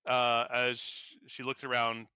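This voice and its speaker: A man's voice: mid-range voice, monotone, unhurried, bright, forceful tone, clean tone, dry recording, clean studio sound. A man narrating as game master of a tabletop game, rambling with many fillers and restarts.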